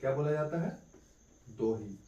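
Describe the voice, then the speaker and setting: A man's voice: a little high, lively intonation, unhurried, darkish tone, highs cut off. Man teaching in an echoey room. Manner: repeats key points as questions and answers them. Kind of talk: exam-prep lesson. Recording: echoey room, mic at a distance.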